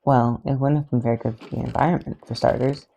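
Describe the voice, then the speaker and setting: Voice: mid-range voice, fairly even intonation, fast, gravelly, dark tone, muffled recording, slight background noise, close to an everyday voice. A podfic reader voicing Superman, a cheerful male superhero who jokes and teases. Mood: teasing. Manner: joking, teasing.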